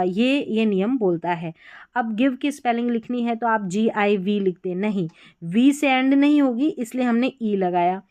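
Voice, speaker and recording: A woman's voice: fairly high pitch, darkish tone, no echo. Indian woman teaching grammar, dry sound. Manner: explains step by step, repeats examples slowly. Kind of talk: exam-prep grammar lesson.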